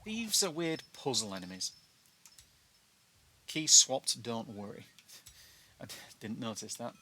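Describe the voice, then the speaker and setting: Giving a relaxed gameplay walkthrough, this British player swaps his T's for glottal stops and pokes fun at himself as he chats. His mid-range voice sounds sing-song, unhurried and sharp, and there is noticeable noise in the background.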